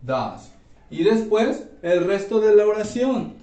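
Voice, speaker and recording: A man teaching an English grammar class, explaining slowly and checking in with his students often. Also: sits high, big pitch swings, warm tone. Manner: slow, repeats and checks with "¿sí?". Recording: echoey room, voice from far off.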